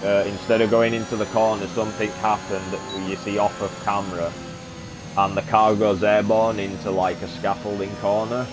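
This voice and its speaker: A gaming streamer with a somewhat low voice chats casually at a moderate pace while playing a racing game. He rambles, filling his talk with filler sounds, over steady background noise.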